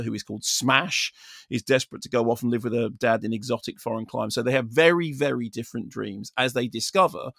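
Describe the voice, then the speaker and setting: A British man reviewing films in an opinionated, discursive way. His voice is mid-pitched with a creaky edge, recorded close and dry. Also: a bit bright, dry recording. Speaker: film critic. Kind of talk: spoken film review.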